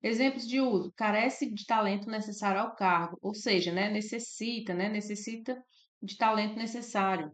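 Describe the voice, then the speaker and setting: A woman's voice: medium pitch, moderate pace. Brazilian woman tutoring through exam questions. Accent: Brazilian Portuguese. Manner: explanatory, adds "né?" and "ó" often. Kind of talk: casual screen-share lesson.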